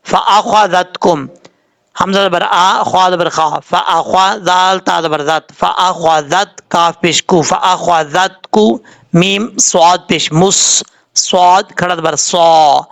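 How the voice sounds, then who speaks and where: Gravelly high-voiced male tajweed teacher. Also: fairly bright tone. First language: Urdu. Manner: spells syllables slowly, then explains quickly; chants verses in a raised, drawn-out tone. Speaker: Quran recitation teacher. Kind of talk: Quran tajweed lesson.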